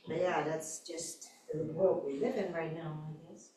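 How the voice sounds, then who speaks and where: A woman's voice: low-pitched, steady tone, moderate pace, dark tone. A woman sharing earnest reflections at a congregation gathering. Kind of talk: casual group sharing. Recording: echoey hall, far mic, faint noise.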